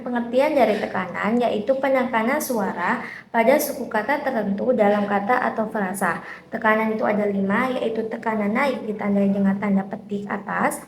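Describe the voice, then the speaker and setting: A young woman from Indonesia talks through a linguistics lesson as a student presenter. She explains things steadily and pauses now and then for an "eh". Her voice bounces around a roomy space with a faint hiss of noise behind it. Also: mid-range voice. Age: young adult. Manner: steady explanatory delivery, occasional "eh" fillers. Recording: echoey room with faint background noise.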